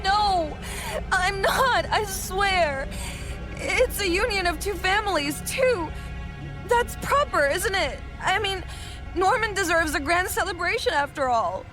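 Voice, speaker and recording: A woman voicing a frightened young woman pleading through tears in an animated horror story. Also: extremely high pitch, slow pace, heavily acted. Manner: pleading, tearful. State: crying. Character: frightened young woman trapped by boyfriend's family. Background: music.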